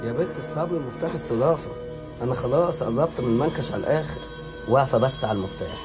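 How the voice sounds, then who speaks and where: An actor with an Egyptian accent playing a bossy, scheming young crook. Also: male voice, medium pitch, racing, over music, lightly acted. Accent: Egyptian Arabic.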